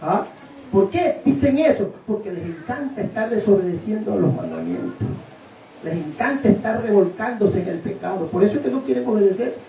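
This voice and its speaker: A man preaching an animated sermon to his congregation, often calling out to them. His voice is dark and mellow. The sound rings around an echoey room and is picked up from some distance away. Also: sits high, normal speed, gravelly. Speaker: pastor. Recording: echoey room, heard from a distance, faint room noise.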